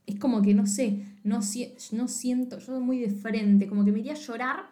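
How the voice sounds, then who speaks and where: A woman's voice: a little high, fairly even intonation, normal speed, warm tone. A woman with a Rioplatense Spanish accent co-hosting a podcast, ranting bluntly and swearing freely in casual chat. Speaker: podcast co-host.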